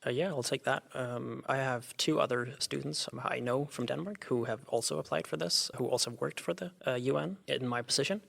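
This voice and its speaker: A man's voice: mid-range voice, a little fast, vocal fry, few pauses, fairly bright tone. A young man in his twenties, a history student and intern, speaking thoughtfully with some hesitation. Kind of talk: casual interview talk.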